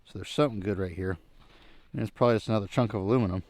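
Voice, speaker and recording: A man with a fairly low voice talks quickly through a casual outdoor vlog. He is folksy and muses aloud as he works. The sound is dry and close, with no echo. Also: a little mellow. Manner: folksy, thinking aloud, musing. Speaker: vlogger narrating a treasure hunt. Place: outdoors in an old junkyard.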